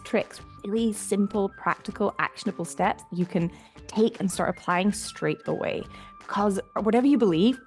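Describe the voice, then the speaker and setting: A woman's voice: mid-range voice, a little mellow. A woman hosting her own podcast, talking in a chatty, upbeat way with lots of filler words. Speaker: podcast host. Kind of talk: casual solo podcast chat.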